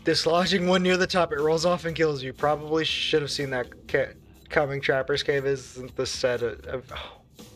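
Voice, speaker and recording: A man's voice: on the high side, steady tone, normal speed, soft background music. Jokey man reading game text aloud. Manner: jokey, talks to viewers, bursts into loud exasperated shouts. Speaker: gaming video creator.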